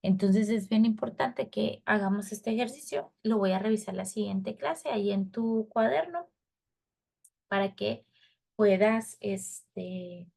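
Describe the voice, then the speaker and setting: Woman, teacher, patient explaining, gravelly, mid pitch. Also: a little slow, a little mellow. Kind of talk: recorded class lesson.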